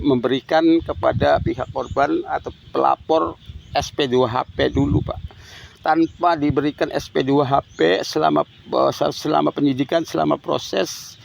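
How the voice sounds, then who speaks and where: With a voice on the high side, a little mellow and marked by vocal fry, a grieving father in middle age pleads publicly with the authorities. He repeats himself, closing phrase after phrase with a respectful "Pak." A slight hiss or hum runs through the audio.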